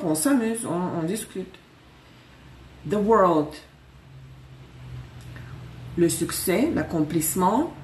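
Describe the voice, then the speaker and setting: During a live tarot reading, a woman with a Russian accent, originally from Russia, chats casually, correcting herself and joking. Her pitch is medium, the mic is distant, and the roomy sound carries slight background noise.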